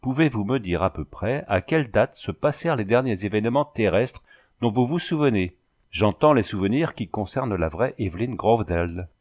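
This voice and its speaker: A man's voice: lowish voice, lively intonation, normal speed, a little mellow. A man voicing an earnest young husband who keeps pressing his wife with questions. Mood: questioning.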